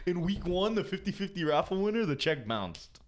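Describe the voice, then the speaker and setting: A young American man bantering about sports as a podcast co-host, in a slangy, profane frat-bro way with excitable storytelling. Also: high-pitched, a little fast. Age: young adult.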